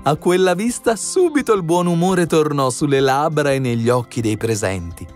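A man reads a fairy tale aloud in an expressive, animated way, his voice on the higher side and swinging widely in pitch. Soft music plays faintly underneath. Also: normal speed. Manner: expressive storytelling. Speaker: audiobook narrator. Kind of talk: scripted fairy-tale narration.

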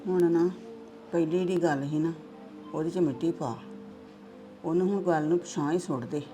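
A woman's voice: low voice, normal speed, dark tone, faint music behind, close to an everyday voice. A woman playing a stern, reproachful middle-aged mother. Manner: lecturing, reproachful. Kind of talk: family drama acting.

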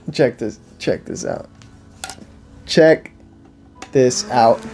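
An indoor, casual product review comes from a man in his twenties seated at a table before a backdrop. His mid-range voice is mellow, and he speaks with enthusiasm and emphasis, often saying things more than once.

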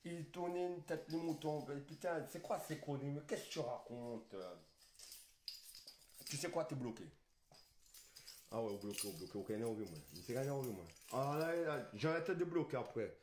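A man's voice: medium pitch, moderate pace, darkish tone, echoey room, a little hiss or hum. A man streaming live, ranting in a rambling, insulting way with garbled phrasing. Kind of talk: street livestream rant.

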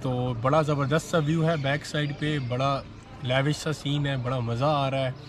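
A man's voice: medium pitch, fairly even intonation, normal speed. Joking man outdoors with traffic noise. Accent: Pakistani Urdu. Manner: joking, playful. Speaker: travel companion. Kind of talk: casual vlog chat. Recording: clear street and traffic noise.

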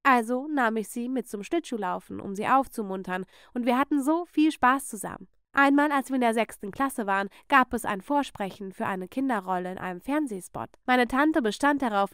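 Expressive woman storyteller, high and crisp, close dry read. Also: moderate pace, few pauses, no echo. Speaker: narrator. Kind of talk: scripted first-person narration.

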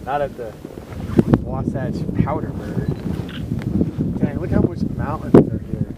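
A man's voice: mid-range voice, a little slow. Man calling from off-mic in the wind. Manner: awed, slangy banter. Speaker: skier friend. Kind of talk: casual chat. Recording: distant voice in loud wind.

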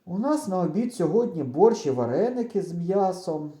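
A man voicing a stubborn, proud young village boy with a gruff, scoffing way of talking. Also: high voice, expressive, moderate pace, warm tone, reverberant, pitched above the performer's own voice. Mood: glum.

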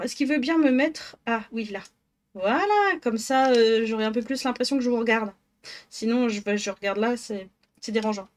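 A woman streaming live, chatting casually with her viewers, greeting them by name and joking about herself. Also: on the high side. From northern France. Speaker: Twitch streamer. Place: home office.

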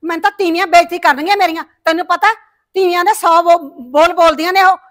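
Brief: actress as a worried, nagging village wife, high voice, fast scolding delivery, short-film drama. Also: female voice, steady tone, a bit bright. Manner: scolding, rapid and shrill.

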